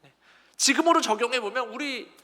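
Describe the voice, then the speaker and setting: A male pastor delivers an animated sermon, playing out both sides of a heated dialogue and asking his listeners questions. His voice sits high and sounds bright and forceful. It carries through a church hall with a long reverb. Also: a little fast. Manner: animated, acts out quoted dialogue between God and the people; talks to the congregation directly, asks them questions. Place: church sanctuary.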